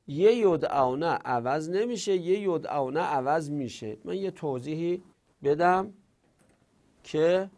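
Gravelly-voiced man teaching a grammar class. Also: fairly high pitch, darkish tone. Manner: explains step by step, asks and answers imagined student objections.

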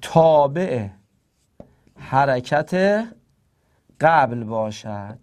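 Man spelling words out slowly in class. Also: medium pitch, lively intonation, a little mellow. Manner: spells words out syllable by syllable, playful asides. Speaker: Arabic grammar teacher. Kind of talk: classroom lesson.

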